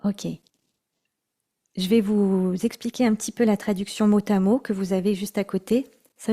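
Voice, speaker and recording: A woman teaching mantra chanting in an online workshop, speaking gently with many hesitations and repeated words. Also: medium pitch. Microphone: video call.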